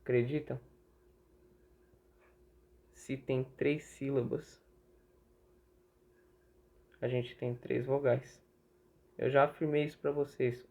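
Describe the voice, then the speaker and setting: A man's voice: fairly high pitch, dark tone. Chatty Brazilian man teaching, tinny audio. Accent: Brazilian Portuguese. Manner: chatty, asks and answers own questions. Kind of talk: casual online grammar lesson.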